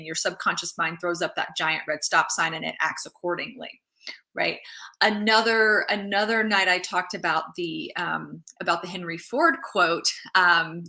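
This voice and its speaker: A woman's voice: on the low side, pushed and bright. A woman hosting a casual live stream as a mindset coach, chatting loosely, restarting phrases and greeting viewers as they join. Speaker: livestream host and mindset coach.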